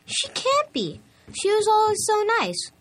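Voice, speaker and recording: A woman's voice: extremely high pitch, wildly swooping pitch, a little slow, full character voice. An actress playing an eager, curious young country boy full of questions.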